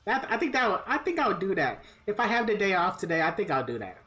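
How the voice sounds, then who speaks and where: A woman's voice: mid-range voice, very animated, fast talker, fairly bright tone. A woman live-streaming a game, chatting casually with viewers in a kvetching, grumbling way and swearing freely. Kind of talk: casual livestream chat with viewers. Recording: guitar music behind the voice. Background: plucked guitar music.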